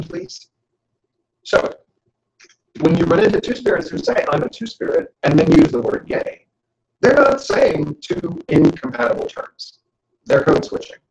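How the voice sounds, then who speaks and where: A man giving a joking, animated lecture to an audience as a guest speaker. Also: a little high, gravelly, reverberant, rough recording. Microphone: camera.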